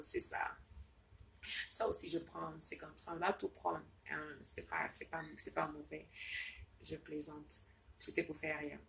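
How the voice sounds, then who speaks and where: A woman's voice: lowish voice, gravelly, low-quality recording. Fervent woman preacher, Ivorian French accent. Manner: fervent, swings from soft musing to loud urgent exhortation; repeats words as she searches for them. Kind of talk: live preaching and prayer exhortation.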